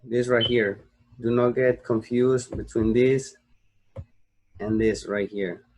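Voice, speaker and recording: There's a little hiss or hum behind this young American man's mid-range, darkish voice, which stays level and slow. Sleepy, he teaches online marketing through a screen-recorded tutorial, rambling, restarting and asking "okay?" as he goes.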